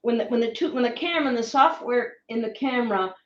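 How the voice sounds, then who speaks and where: A woman explains things in a casual, hesitant way, full of "um"s and restarts, her voice sitting a little high. She sounds far from the microphone in a roomy space. The call audio is dull and muffled. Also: fast. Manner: hesitant, many fillers and restarts. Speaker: guest sharing orb photos.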